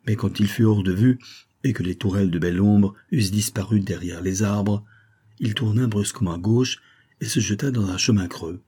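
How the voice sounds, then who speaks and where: Low, dark-voiced man reading a novel aloud. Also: normal speed, slightly rough. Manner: reads all characters, raising pitch for their lines. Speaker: audiobook reader. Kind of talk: scripted narration.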